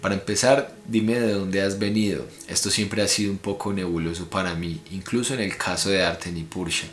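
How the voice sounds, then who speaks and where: A man's voice: low-pitched, steady tone, fairly quick, close to an everyday voice. A man with a Colombian Spanish accent voicing an astonished male student of spiritual teachers, read aloud from a book in his own manner. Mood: amazed. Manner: plain read-aloud delivery. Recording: echoey room.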